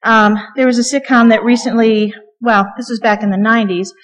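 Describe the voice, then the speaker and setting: A middle-aged woman gives a relaxed, chatty sermon in a church sanctuary. Her voice sits fairly high, and the hall carries a long reverb. She drops in jokes and little asides, with plenty of ums. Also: a little fast. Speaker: guest preacher. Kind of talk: conversational sermon.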